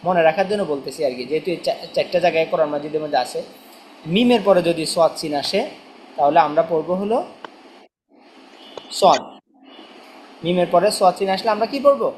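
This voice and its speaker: A teacher giving a Quran reading lesson, spelling letters out slowly one by one and repeating them in a question-and-answer drill. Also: mid-range voice, a little mellow, slight background noise, rough recording.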